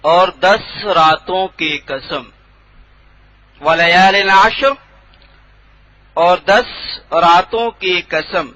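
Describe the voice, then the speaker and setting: A man teaching a classroom lesson on Quran translation, quizzing his students and repeating each word slowly. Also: high-pitched, pushed and bright, lo-fi sound. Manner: drills students with questions and repeats words slowly. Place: classroom without a board.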